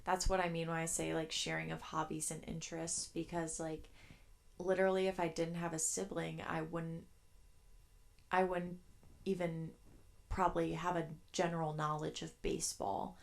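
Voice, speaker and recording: A young woman in her twenties talks through her childhood memories on a solo podcast recorded in her bedroom. Her voice sits on the low side with a gravelly, fry-filled texture, and she rambles in a chatty, easygoing way. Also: little pitch movement, moderate pace, slight background noise. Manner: chatty, rambling, laughs between thoughts. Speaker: podcast host. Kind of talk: casual solo podcast storytelling.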